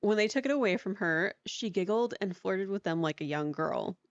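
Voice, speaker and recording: On a podcast she co-hosts, a woman shares a story casually, with lots of "like" and frequent laughter. Her mid-range voice is lively in intonation and moderate in pace. The sound is dry, dull, and lo-fi.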